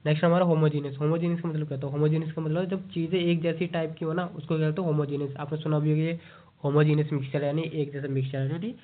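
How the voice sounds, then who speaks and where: A man's voice: fairly high pitch, flat delivery. Tinny-sounding male vocabulary teacher. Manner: explains each word in Hindi, reads English examples slowly; repeats "ठीक है" and "उसको क्या बोलते हैं?" often. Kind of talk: exam vocabulary lesson. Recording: tinny phone-like audio.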